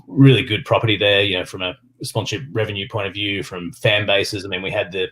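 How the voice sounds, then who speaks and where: Low-voiced Australian man, rambling casually. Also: fairly even intonation, fairly quick, a bit bright. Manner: rambling, peppered with "you know" and "sort of". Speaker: podcast guest, sports business executive. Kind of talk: casual interview talk.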